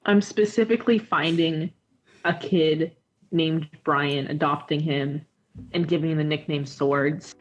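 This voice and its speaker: A woman's voice: low-pitched, fairly even intonation, unhurried, dull audio. A young woman co-hosting a casual podcast chat, joking in a dry way. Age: young adult. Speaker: podcast co-host.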